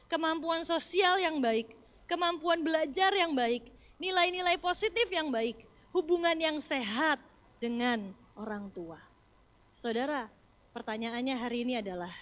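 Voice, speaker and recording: A woman pastor in her thirties preaching a sermon, swinging from loud emphasis to soft near-whispers and often addressing the congregation directly. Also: sits high. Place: church hall.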